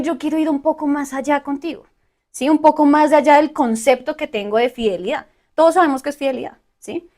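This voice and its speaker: Woman teaching a Bible study. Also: a little high. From Colombia. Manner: repeats "¿sí?" to check in with listeners; lists word meanings slowly and deliberately.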